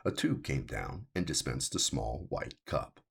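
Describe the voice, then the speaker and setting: A man reads his own science fiction story as scripted audiobook narration, measured and deliberate. His voice is gravelly, husky and rumbling low, yet animated and a bit bright.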